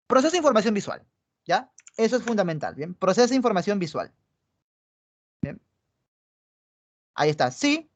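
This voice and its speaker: A woman with a Peruvian Spanish accent teaching a pre-university psychology class online, explaining step by step and checking in with her students after nearly every point. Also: fairly high pitch. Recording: dull lo-fi online class audio.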